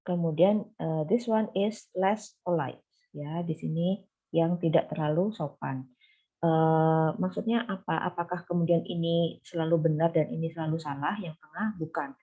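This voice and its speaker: Low, husky woman teaching phone phrases. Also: steady tone, normal speed, narrow, tinny audio. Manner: explains patiently, switching between two languages with frequent fillers. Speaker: English teacher. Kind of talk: bilingual lecture explaining phone phrases.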